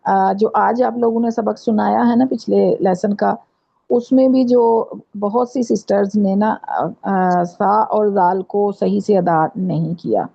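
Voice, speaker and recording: A woman with a Pakistani Urdu accent teaching Quran pronunciation in an online class, patiently repeating letters slowly to demonstrate. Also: medium pitch, steady tone, vocal fry, mellow, breathy edge. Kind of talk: online tajweed lesson. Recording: dull lo-fi online class audio.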